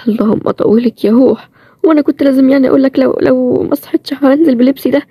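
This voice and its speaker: A woman voicing a sharp-tongued young heroine with an Egyptian accent, in a bantering, higher-pitched way. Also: quick pace, husky, no room sound. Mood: teasing. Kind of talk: storybook role-play series.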